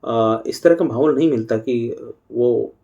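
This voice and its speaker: Calm, mellow-voiced man teaching. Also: mid-range voice, unhurried, muffled recording. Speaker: spiritual teacher giving a talk. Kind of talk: devotional talk on parenting.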